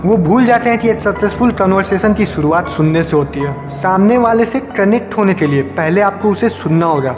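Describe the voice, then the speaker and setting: A man teaching communication tips as a scripted voice-over, speaking to the viewer in a steady instructive way. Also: high voice. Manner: steady instructive delivery, addresses viewer directly. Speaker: communication skills tutor. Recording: echoey hall with loud music.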